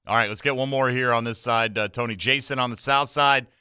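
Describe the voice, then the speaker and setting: A man's voice: mid-range voice, steady tone, a little fast, sharp tone, smooth, no room sound, clean studio sound. An American man hosting a sports call-in radio show, exuberant and emphatic in an informal way. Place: radio studio. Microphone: close studio microphone.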